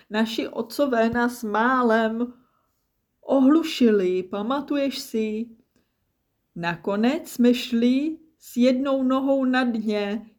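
A woman voicing a hearty, jolly penguin father with a booming, cheerful way of talking. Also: a little mellow, natural voice.

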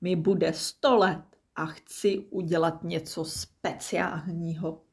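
A proud old tortoise from a children's story, voiced by a woman narrator, speaking with quiet pride and a touch of lift in her voice. The voice stays close to the reader's own. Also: on the low side, steady tone, close to an everyday voice. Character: proud old tortoise turning one hundred.

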